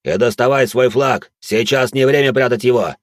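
A man's voice: on the low side, moderate pace, no echo, studio quality, close to an everyday voice. A man voicing a mocking, battle-hardened old man in an audiobook who sneers and barks orders. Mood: commanding. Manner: gruff, sneering, barks commands.

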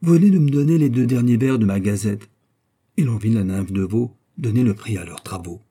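A man voicing a hurried, excitable gazette writer in an audiobook. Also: fairly low pitch, husky. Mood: excited. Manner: hasty and excitable. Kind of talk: audiobook character voice.

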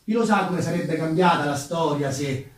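At a normal speed and with a fairly high pitch, a solo stage narrator from Rome tells history theatrically, his Roman Italian accent colouring the colloquial, ironic asides he throws to the audience. The sound is very echoey, picked up by a distant microphone.

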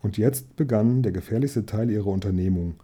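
Male audiobook narrator, calm and steady storybook reading, very dark mellow voice. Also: lowish voice, brisk, breathy edge. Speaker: audiobook reader.

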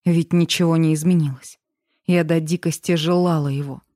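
A woman's voice: low-pitched, fairly even intonation, moderate pace, mellow, no echo, studio quality. A woman narrating a first-person romance audiobook with an emotional, dramatic reading.

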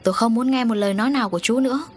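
Woman playing a fretful, shrill wife. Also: rapid-fire, a little hiss or hum, lightly acted. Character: anxious middle-aged wife, shrill and fretful.

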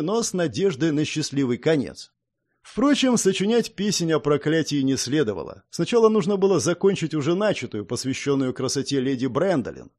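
A man narrating a fantasy audiobook in an expressive storytelling manner. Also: a little high. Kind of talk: scripted narration.

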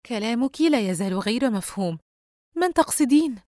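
A woman voicing a frightened young woman in an audiobook, speaking in a high, strained, urgent way. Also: expressive, moderate pace, a little mellow, no echo, studio quality, natural voice. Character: frightened young woman Yusra, tense and panicky.

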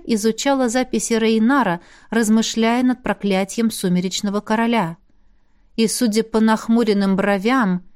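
A woman narrating a first-person fantasy audiobook in an even, expressive storytelling manner. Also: on the high side, clean tone.

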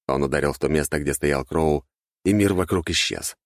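Man, audiobook narrator, very low voice, gravelly, steady dramatic reading, dry sound. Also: moderate pace, no echo.

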